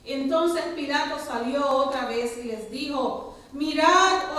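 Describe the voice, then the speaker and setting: A woman with a high voice reads scripture slowly and deliberately in a church. Her voice rings through a very echoey sanctuary, picked up from a distance. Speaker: scripture reader. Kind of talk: reading scripture aloud at a Good Friday service. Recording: very echoey church hall, mic far off.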